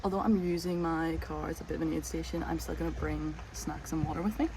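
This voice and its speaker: A woman's voice: deep voice, steady tone, fast talker, loud music behind the voice, low-quality recording. A woman chatting casually to camera as a vlogger.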